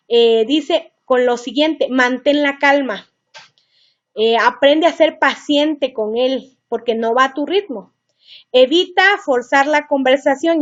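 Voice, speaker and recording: A middle-aged woman leads a parenting seminar, chatty and earnest, speaking straight to the parents listening. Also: high voice. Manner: chatty, earnest, advice-giving, talks to the listener directly. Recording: dull lo-fi recording.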